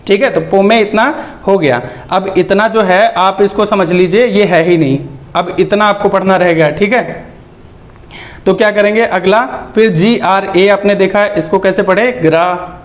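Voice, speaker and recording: A man teaching English reading as a lesson, breaking words into sounds and repeating syllables slowly and patiently. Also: high-pitched. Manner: patient, checks in with "okay?". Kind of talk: explanatory lesson.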